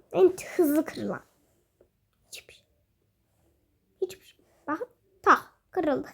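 A woman with a very high voice talks her way through a video game in a chatty, self-mocking way. Her speech is slow and unhurried, and her pitch swings a lot, with frequent exclamations. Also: creaky, fairly bright tone. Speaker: gaming video host. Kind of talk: casual let's-play commentary.

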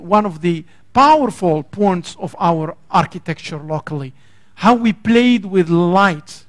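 Impassioned high-voiced male lecturer. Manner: impassioned, searching for words with many restarts. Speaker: guest lecturer. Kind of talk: academic lecture. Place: lecture hall.

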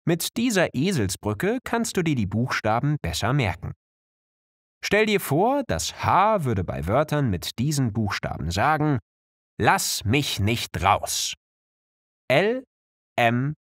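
Male narrator for a kids' lesson: slow, very animated pitch, dry studio sound. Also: dry recording. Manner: slow, clear explanations with lively pitch. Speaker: narrator of an educational video. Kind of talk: scripted narration for children.

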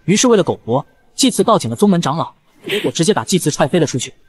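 Fast-talking man narrating a manga recap. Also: on the high side, big pitch swings, breathy edge. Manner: rapid storytelling.

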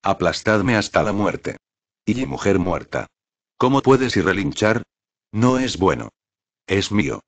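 A man's voice: lowish voice, sing-song, a little slow, long pauses, no echo, full character voice. A man voicing a pompous, brawling old male landlord who whines and blusters in a storybook reading. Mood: whining.

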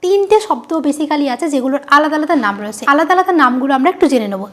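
A woman teaching a grammar lesson, speaking patiently and asking quick questions to the student before answering them herself. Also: high-pitched, animated. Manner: patient, explains by repeating and quizzing the listener.

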